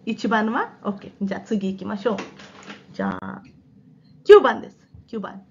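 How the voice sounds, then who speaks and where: A woman teacher with a sore throat talks slowly and patiently, letting her pitch rise and fall a great deal. She keeps checking in with her listeners. The recording sounds dull and a little muffled. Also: wildly swooping pitch, a little hiss or hum. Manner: explains in Hindi mixed with Japanese, checks in often. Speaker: Japanese language teacher. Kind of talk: exam practice lesson.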